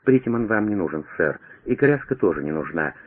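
A breathless, stammering female secretary, flustered and rushing her news out, as a male reader voices her. The voice stays low and husky on a thin, phone-like radio line. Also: big pitch swings. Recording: tinny radio broadcast.

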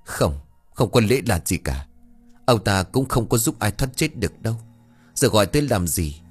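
A man voicing a remorseful young man who speaks low, flat and bitter. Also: moderate pace, husky, soft background music.

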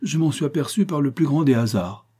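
A man voicing an excitable, scheming middle-aged factory owner who exclaims and boasts in a storybook reading. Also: a little high, fairly quick, husky, voice pushed up. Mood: boastful. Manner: exclamatory, triumphant, declaiming.

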